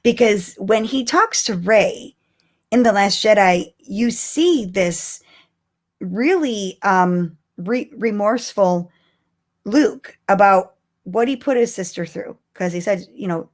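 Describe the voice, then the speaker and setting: Animated and unhurried, a medium-pitched woman co-hosts a podcast. She chats casually with fellow fans, musing aloud with conversational emphasis.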